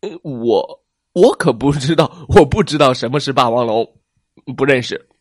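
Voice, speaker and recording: A big, lonely T. rex who stutters and trips over his words, as a man puts him on. The voice sits a touch higher and louder than plain talk, in a dry, close recording. He sounds like a storybook dinosaur who is not used to being liked. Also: animated, moderate pace, no room sound, close to an everyday voice. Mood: nervous. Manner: stammering, hesitant. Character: big lonely male T. rex, gruff but shy, fibs nervously.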